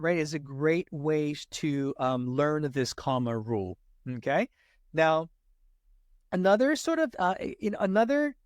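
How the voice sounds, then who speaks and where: A man's voice: a little high, no room sound, studio quality. A man teaching an SAT grammar lesson, talking straight to his viewers and checking in with them constantly. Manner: talks straight to viewers with frequent "right?" checks. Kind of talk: explaining grammar to students.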